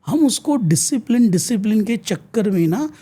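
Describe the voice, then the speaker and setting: As an interview guest, an Indian man explains ideas earnestly, like a teacher, moving freely between Hindi and English. His husky, mellow voice is animated, swinging widely in pitch, at a normal speed.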